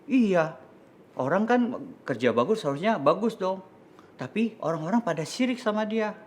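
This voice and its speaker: A man's voice: high-pitched, moderate pace, a little hiss or hum. A man with an Indonesian accent telling a Bible story to children as a kids church teacher. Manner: lively, patient, explaining.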